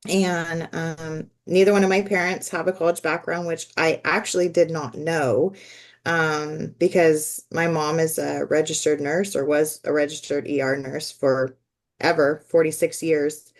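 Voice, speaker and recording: A woman's voice: deep voice, flat delivery, measured pace. A woman from California who is losing her voice, giving a rambling, self-correcting introduction as a graduate student and teacher on a video call. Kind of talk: casual self-introduction in a group meeting.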